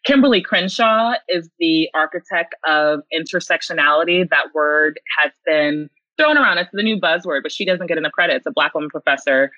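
A woman's voice: sits low, lively intonation, fairly quick, hardly any pauses, bright, forceful tone, no room sound, dull audio. A young woman speaking earnestly as a guest in a podcast interview. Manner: earnest, grows emotional.

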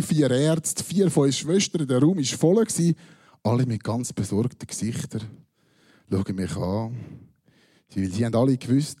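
A man's voice: mid-range voice, dark tone, slightly rough. A man from Switzerland with a Swiss German accent, telling a personal anecdote with dry, self-mocking humor and punchline timing. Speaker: storyteller. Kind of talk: personal anecdote told to an audience.

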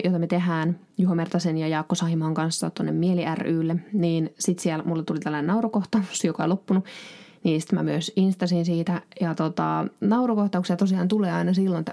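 Low gravelly-voiced Finnish woman podcaster. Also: warm tone. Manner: chatty, rambling, many fillers and restarts. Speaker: podcast host. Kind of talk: casual solo podcast Q&A.

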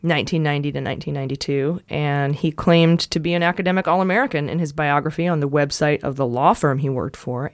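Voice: mid-range voice, no echo, studio quality. A podcast host running through political news in a casual, wry and profane way.

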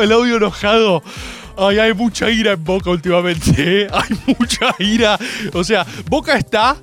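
A young man with an Argentine accent hosting a radio show, chatting casually and sarcastically, jumping from high mocking voices to low mutters. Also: a bit bright. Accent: Argentine Spanish. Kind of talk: casual comedic radio talk.

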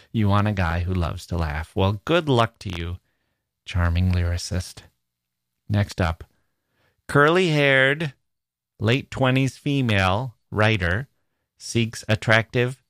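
With a lowish, slightly bright voice, a podcast host reads personal ads and riffs on them with wry, amused humor, musing in rhetorical questions. The studio sound is clean and echo-free.

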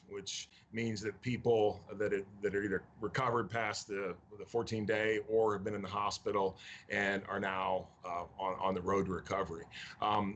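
A man who is a county mayor from Tennessee, answering interview questions over a video call in a measured way with many fillers. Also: lowish voice, a bit bright, a little hiss or hum.

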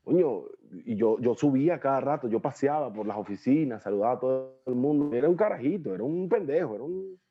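A man with a Venezuelan accent tells his stories loosely and vividly, slipping into the voices of the people he quotes. His voice sits at an ordinary middle pitch. The audio is slightly dull and lo-fi, like a video call. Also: a little fast, over music. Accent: Venezuelan Spanish. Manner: animated, acts out quoted voices, slangy. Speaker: interview guest, actor. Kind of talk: casual storytelling interview.

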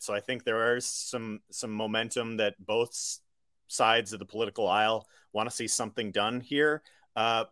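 An American man, a journalist being interviewed, giving conversational political analysis in a measured, explanatory way. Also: mid-range voice, fairly bright tone, dry recording, studio quality. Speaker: independent journalist, interview guest.

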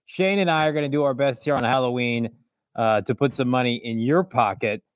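Wry co-host with a dry sound. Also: male voice, mid-range voice, no echo. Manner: wry and easygoing, many filler pauses. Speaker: sports betting show co-host. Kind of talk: casual sports betting chat.

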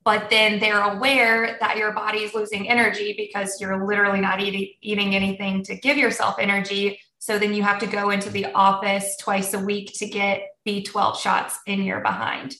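Born in Germany but raised in the US, a woman in her thirties opens up as a podcast guest, reflecting on her own life with lots of ums and quiet laughs. Her medium-pitched voice is monotone, moderately paced, and hardly pauses. The recording is rough and roomy, with her sitting far from the mic.

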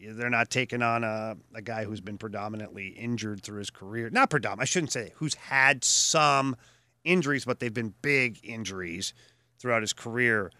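A man co-hosting a casual sports podcast, giving opinionated, animated takes on hockey trades and staff moves. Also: lowish voice, normal speed, no room sound. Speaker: podcast co-host.

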